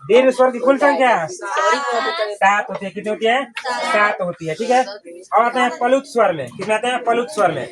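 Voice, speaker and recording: Man, teacher, high voice, call-and-response drilling over classroom crowd noise. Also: moderate pace. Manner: call-and-response questioning, repeats answers. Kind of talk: classroom grammar lesson.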